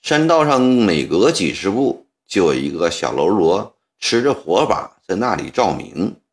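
A man's voice: sits low, sing-song, a little slow. A man narrating a historical novel as a storyteller, voicing the characters' dialogue as he goes.

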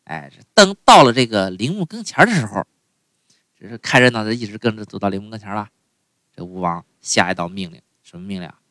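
A man's voice: on the low side, expressive, fast, a bit bright, no echo, studio quality. A man telling a comic folk story in a chatty way, often asking the listeners "right?" and tossing in interjections. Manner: chatty, lots of "哎" and "对吧" asides.

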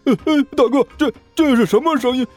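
A man voicing a timid young male thug who stammers and wheedles, the nervous sidekick in a told story, pitched well above his own voice. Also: huge pitch swings, normal speed, a little mellow, breathy edge, faint music behind, full character voice. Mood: frightened.

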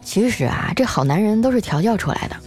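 A woman's voice: medium pitch, animated, quick pace, darkish tone, soft background music. A woman hosting a comedy podcast who tells funny stories in a playful, chatty way. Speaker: podcast host. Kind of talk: comic storytelling.

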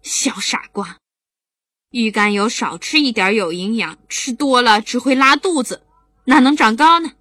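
A woman's voice: on the high side, moderate pace, bright, forceful tone, dry recording. A woman voicing an exasperated mother scolding her children in a bedtime story.

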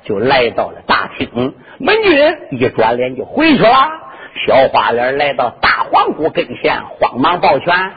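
A man narrating a traditional story in a lively, dramatic way. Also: on the high side, measured pace, slightly rough. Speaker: folk storyteller. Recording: dull lo-fi with long reverb.

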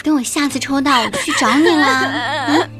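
Woman voicing a teasing bossy girl, high voice, audio drama. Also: moderate pace, loud music behind the voice, lightly acted. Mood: coaxing. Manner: teasing, calls herself "this lady boss". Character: cheeky bossy young woman, 小夏. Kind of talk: amateur audio drama acting.

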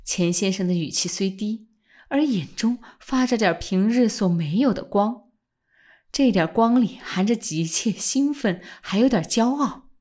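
A woman narrating a novel aloud in calm storytelling. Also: mid-range voice, a little slow. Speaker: audiobook narrator. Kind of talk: novel reading.

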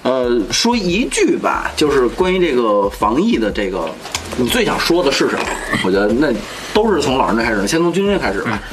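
A man's voice: medium pitch, very animated, fairly quick, background noise. A man with a Beijing accent hosting a casual chat among friends, colloquial and slangy, often repeating himself. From Beijing, China. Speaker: host of a group talk show.

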